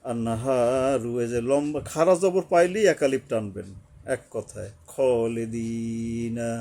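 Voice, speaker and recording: A man's voice: on the high side, sing-song, fairly quick, creaky, darkish tone. A man teaching Quran recitation, patiently repeating syllables and drawing out recited words to demonstrate. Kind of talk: recitation lesson with explanation.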